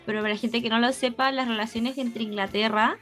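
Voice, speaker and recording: A woman's voice: on the high side, steady tone, a little fast, fairly bright tone, faint music behind. A young woman with a Chilean accent, chatting casually as a podcast co-host, slangy and prone to tangents. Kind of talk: casual chat.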